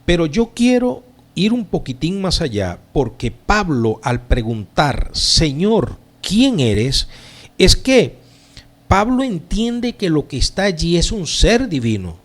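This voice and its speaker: A man preaching a sermon as pastor, slow and emphatic with dramatic pauses. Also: on the high side, sing-song.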